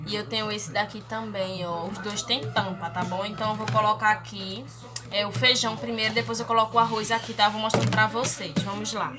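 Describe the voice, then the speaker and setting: A woman's voice: medium pitch, fairly even intonation, fairly quick, very noisy. A young Brazilian woman with a Brazilian accent, chatting casually to viewers in a home vlog, filmed on a phone at arm's length indoors. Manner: chatty, keeps addressing viewers warmly with diminutives. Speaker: home vlogger.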